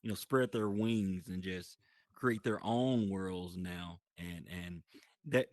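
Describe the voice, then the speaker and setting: A deep, slightly mellow male voice takes its time, with no echo. The guest rambles through a long voice-chat story describing his virtual world, full of restarts and fillers.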